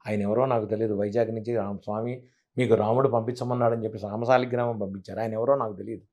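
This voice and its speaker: A man's voice: on the low side, fairly even intonation, fast, darkish tone. Emphatic preachy man teaching devotion. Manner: emphatic, preachy, full of rhetorical questions. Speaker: spiritual teacher, guest. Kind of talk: devotional interview talk.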